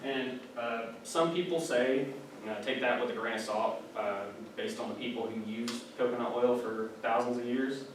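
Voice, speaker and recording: A young student's class speech comes across as casual and chatty, full of filler words and asides. He speaks at a normal speed with a mid-range voice. The distant mic catches room echo and background noise.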